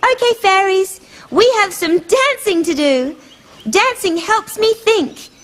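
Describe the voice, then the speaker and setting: A woman's voice: extremely high pitch, expressive, slow, a bit bright, heavily acted. A woman voicing a cheerful, kindly female dinosaur for a young children's show, speaking in a sing-song, carefully enunciated way. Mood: playful wondering. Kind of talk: children's show character presenting to young viewers.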